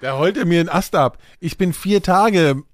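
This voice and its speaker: A man's voice: sits high, moderate pace, no room sound. A man co-hosting a podcast, chatting casually with dry, self-mocking humor. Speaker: podcast co-host. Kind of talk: casual chat.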